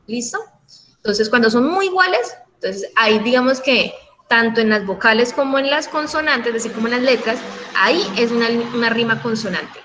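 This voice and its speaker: A woman teacher giving an online class. She speaks affectionately, keeps checking in with her students and spells word endings out slowly. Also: a little high, a bit bright, slight background noise, low-quality recording.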